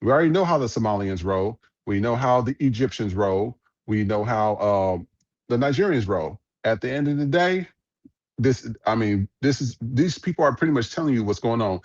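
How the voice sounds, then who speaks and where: A man's voice: mid-range voice, lively intonation, moderate pace, dry recording, dull audio. A man hosting a podcast, giving blunt, profane, rambling commentary on viral clips. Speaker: podcast host.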